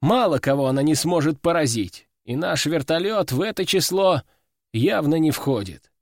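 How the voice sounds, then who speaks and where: A man narrating an audiobook in the first person, lively storytelling. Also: fairly high pitch, moderate pace, no echo, clean studio sound. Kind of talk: scripted narration.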